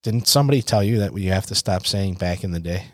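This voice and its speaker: Low-voiced joking podcast co-host, man. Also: quick pace, no room sound, studio quality. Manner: joking, relaxed, agreeing interjections. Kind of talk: casual podcast chat.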